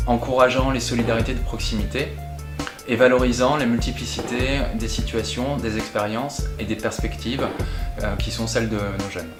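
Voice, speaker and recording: A man representing a housing association, reading a formal statement in measured, institutional phrasing. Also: medium pitch, fairly even intonation, echoey room, recorded from a distance, over loud music.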